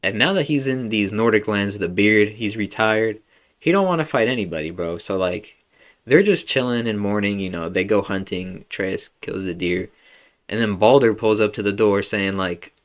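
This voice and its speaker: A podcast host with a somewhat low male voice chats loosely about a game. He talks in a relaxed, slangy way and fills his sentences with "like" and "bro". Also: normal speed. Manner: laid-back slangy talk full of "like" and "bro". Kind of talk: casual video game discussion.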